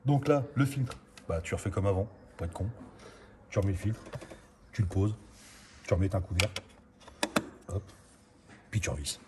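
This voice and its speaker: A man's voice: low-pitched, lively intonation, normal speed, long pauses. A man, giving a chatty, casual how-to on car repairs in a garage, full of filler words. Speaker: amateur mechanic host. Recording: noisy garage recording.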